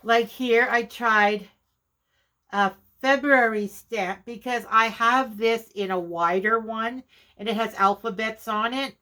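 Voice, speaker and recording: A woman vlogger chatting casually while demonstrating her journaling supplies, chatty and quick to laugh at herself. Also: on the high side, steady tone, bright, forceful tone. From Canada. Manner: chatty, self-deprecating, exclaims often. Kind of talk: casual craft vlog demonstration.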